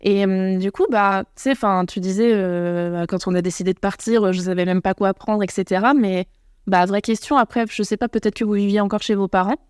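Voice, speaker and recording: A young woman from France hosts a casual podcast, musing aloud and asking questions. Her voice is mid-pitched, smooth and clean. The sound is close and dry. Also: steady tone, brisk, a little mellow, no echo. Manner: thoughtful, musing, asks questions. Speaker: podcast host.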